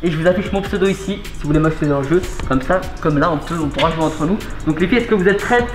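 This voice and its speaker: A man's voice: fairly high pitch, fast talker. A young man presenting a challenge vlog energetically, speaking through a face mask. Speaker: video host. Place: inside a large video game shop. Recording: roomy shop echo, loud background music.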